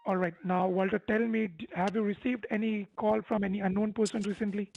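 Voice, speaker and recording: Gravelly and brisk with little pitch movement, this medium-pitched phone support agent is a tech support scammer giving instructions in a scripted-sounding, persuasive way. He keeps seeking agreement and sounds dry; the phone call audio is dull, has no echo, and has music in the background.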